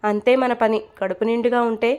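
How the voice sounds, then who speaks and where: A woman's voice: on the high side, level tone, normal speed, a little mellow, clean tone, lightly acted. A woman reading a storybook, voicing a fond, chatty middle-aged mother-in-law who scolds lightly. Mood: homely.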